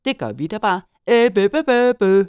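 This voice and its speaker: A woman's voice: medium pitch, big pitch swings, darkish tone, clean tone, dry recording, studio quality, voice pushed up, close to an everyday voice. A woman voicing teasing, whiny young children, in a storybook reading. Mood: taunting. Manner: taunting, whiny.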